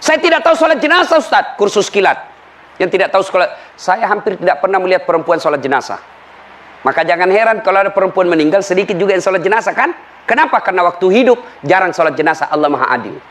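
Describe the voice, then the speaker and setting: A man preaching a humorous sermon. He tells lively stories and acts out the voices of the people he quotes. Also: high voice, fast. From Indonesia.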